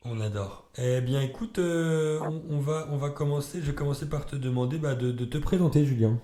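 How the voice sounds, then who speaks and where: A man hosting a podcast, talking in a friendly, halting way and repeating words as he asks questions. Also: medium pitch, warm tone. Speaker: podcast host. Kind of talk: casual podcast interview.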